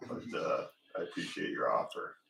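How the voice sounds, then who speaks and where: A man's voice: moderate pace, sharp tone, a little hiss or hum. A man playing in a tabletop game, talking hesitantly with many ums. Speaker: player. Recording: roomy and distant with music behind.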